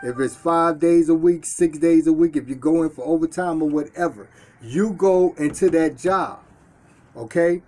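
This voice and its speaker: A man's voice: on the high side, moderate pace, a little mellow. A man from Detroit who owns a store, talking earnestly to his own camera from inside the shop and often repeating and restarting phrases. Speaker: store owner. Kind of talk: casual talk to camera. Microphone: self-filmed camera.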